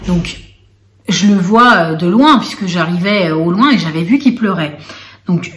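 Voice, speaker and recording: Woman vlogger, face-cam storytelling, halting and full of fillers, roomy echo. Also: fairly low pitch, animated. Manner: recounting with many fillers and quoted dialogue. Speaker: vlogger and mother. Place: indoor room. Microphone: camera mic.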